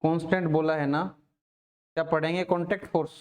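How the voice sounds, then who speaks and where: Higher-pitched man teaching a class. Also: flat delivery, fairly quick. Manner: casual, repeats questions to the class. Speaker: physics teacher. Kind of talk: classroom lecture.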